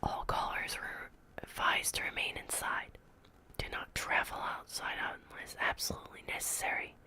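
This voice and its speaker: An ASMR reader, a woman, whispers a horror story in a hushed, creeping way, as measured as someone giving an official report.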